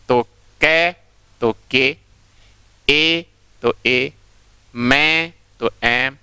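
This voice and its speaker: Guy teaching phonetics, bright clear voice, keeps repeating stuff and saying pay attention. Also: mid-range voice, no echo. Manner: repetitive, explains step by step, keeps urging attention. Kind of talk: online phonetics lesson.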